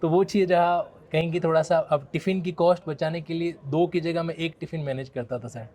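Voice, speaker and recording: A man's voice: fairly high pitch, fairly even intonation, brisk, darkish tone. Respectful Indian man in his thirties. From Rajasthan, India. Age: 30s. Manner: respectful, frequently addresses the other as sir. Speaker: law educator. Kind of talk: casual conversation.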